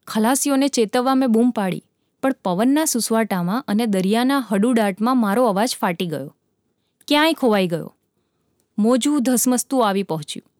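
A woman narrating a dramatic sea story with a vivid, measured reading. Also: a little high, a little mellow, no echo, clean studio sound.

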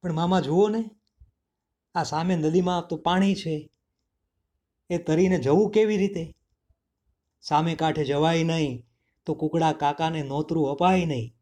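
A man voicing a clever little male mouse child in a storybook reading, sounding excited and pleading. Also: fairly high pitch, a little slow, long pauses, natural voice.

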